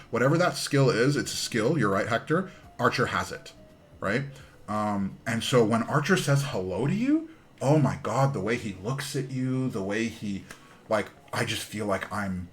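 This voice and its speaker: A man in his thirties chatting casually while streaming a keyboard build, telling rambling stories that trail off and restart. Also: medium pitch. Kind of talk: casual live-stream chat.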